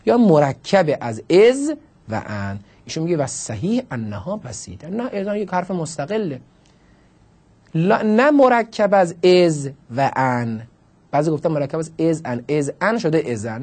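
A man's voice: fairly high pitch, a little mellow, breathy edge. A man teaching Arabic grammar in a classroom lecture, explaining the text line by line with questions and emphatic stresses.

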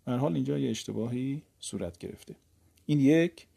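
A man whose first language is Persian, teaching an Arabic grammar lesson. He drills verb forms slowly, then explains them in casual speech. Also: mid-range voice, vocal fry, mellow, breathy edge. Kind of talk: recorded lesson, reciting verb conjugations.

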